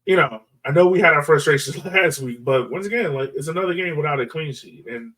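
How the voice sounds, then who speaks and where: Brisk and a little high, with a fairly bright tone, this man's voice comes from a distance. He hosts a soccer podcast and chats casually through the analysis, his speech full of fillers like "like" and "you know."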